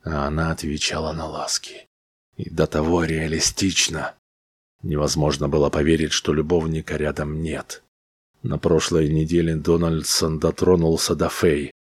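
A man narrating an audiobook in a low, even, measured reading. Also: slightly rough, no room sound.

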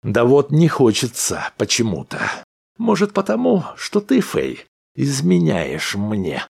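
A man's voice: medium pitch, wildly swooping pitch, slow, creaky, darkish tone, breathy edge, voice pushed up, exaggerated voice. A man voicing a jealous husband who confronts his wife in a raised, bitter voice. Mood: accusing.

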